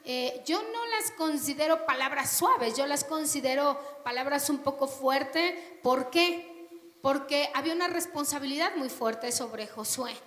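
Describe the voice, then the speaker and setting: A woman preaching a sermon, questioning her congregation and reading scripture with loud emphatic rises. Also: high voice. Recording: echoey hall with long reverb.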